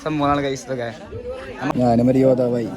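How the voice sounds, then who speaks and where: Casual to-camera vlog chatter comes from a playful man from Kerala at a student service camp, who keeps calling out to his audience as students crowd around him outdoors. His medium-pitched voice moves little in pitch and has a brisk pace, recorded on a phone with crowd chatter audible.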